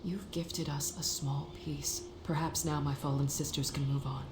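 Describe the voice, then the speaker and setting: An actress playing a solemn, resolute guardian of a sisterhood in a video game, speaking formally and graciously. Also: female voice, low voice, steady tone, moderate pace, echoey room, background noise, natural voice. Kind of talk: video game character dialogue.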